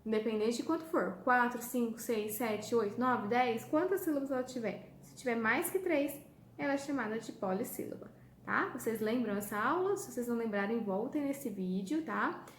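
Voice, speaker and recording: A woman teacher speaks patiently to children in a fairly high voice. She checks in constantly and leans hard on key words. The sound is roomy and echoey, with faint room noise. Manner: patient, repeats "tá?" often, lively emphasis. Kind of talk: online lesson for children. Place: room with a whiteboard.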